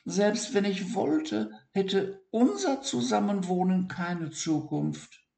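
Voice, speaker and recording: A man voicing a prickly male hedgehog in a children's story, speaking in a high falsetto. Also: animated, takes it slowly, gravelly, dark tone, full character voice. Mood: regretful. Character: prickly male hedgehog, gruff then sorry. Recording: roomy echo.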